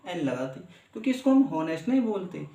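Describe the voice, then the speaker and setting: A man's voice: high voice, sing-song, dark tone, recorded from a distance. Echoey man teaching a grammar lesson. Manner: question-and-answer explaining, repeats words slowly. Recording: echoey room.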